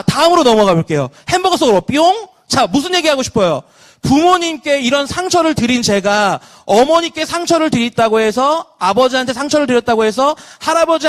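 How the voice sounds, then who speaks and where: A pastor in his thirties giving an online children's sermon, asking the kids questions and leading call-and-response. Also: extremely high pitch. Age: 30s.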